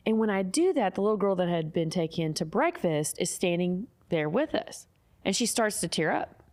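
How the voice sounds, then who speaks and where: A woman hosting a podcast, telling stories in an earnest, animated way and jumping higher when she quotes people. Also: normal speed. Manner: earnest, faith-centered. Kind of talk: casual storytelling chat.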